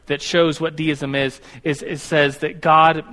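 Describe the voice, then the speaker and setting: A man in his thirties teaches a class about God in a classroom with a board, speaking in a fairly high, bright, forceful voice with a flat delivery and slow pace. He rambles loosely, stumbles over words, and corrects himself as he goes, and the recording carries a long hall reverb.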